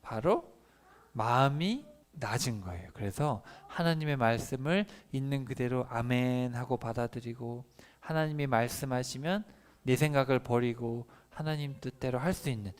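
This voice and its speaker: A man pastor tells a Bible story to children. He keeps it lively and asks them questions as he goes. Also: mid-range voice, normal speed.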